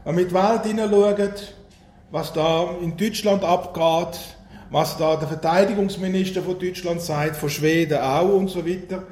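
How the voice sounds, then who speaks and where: A man's voice: sits high, normal speed, darkish tone. A man with a Swiss German accent preaching a sermon in a chatty way, often asking his congregation questions. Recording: roomy hall with faint ambience.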